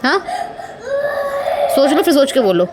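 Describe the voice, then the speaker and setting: A woman's voice: high-pitched, very animated, measured pace, very noisy. A mother at home firmly scolding her child, giving stern commands over and over. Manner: stern, firm, repeating commands.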